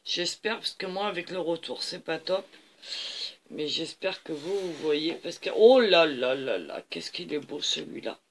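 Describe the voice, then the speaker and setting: A man's voice: on the high side, expressive, unhurried, gravelly. A man hosting a craft channel, leafing through a paper pad on camera and gushing over each page with repeated little compliments and fillers.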